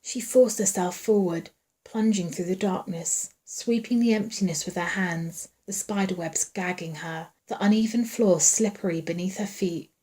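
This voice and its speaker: A woman reading a horror novel aloud in a hushed, suspenseful way, dropping at times to a whisper. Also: lowish voice, moderate pace. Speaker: audiobook reader.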